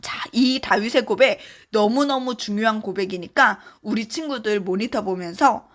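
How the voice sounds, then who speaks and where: A woman teaching a children's sermon, telling a Bible story in an animated, friendly way that speaks straight to the kids. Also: mid-range voice, moderate pace.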